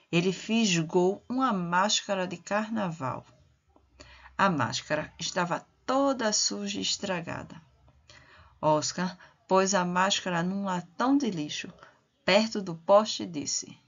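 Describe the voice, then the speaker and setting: A woman teacher, giving a primary school reading lesson and slowly sounding out syllables one by one. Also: fairly low pitch, a bit bright, highs cut off. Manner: slow and deliberate, sounding out syllables.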